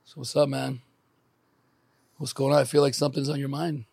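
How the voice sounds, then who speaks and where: A man improvising a blunt male district manager in his forties, talking quietly and probing his friend. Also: mid-range voice, flat delivery, brisk, vocal fry, breathy edge, no room sound. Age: 40s. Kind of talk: improvised scene.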